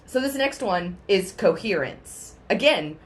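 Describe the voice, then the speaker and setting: A woman's voice: medium pitch, lively intonation, a little slow, slight background noise. A woman co-hosting a podcast, chatting casually about movies in a gushing, blunt way. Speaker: podcast co-host.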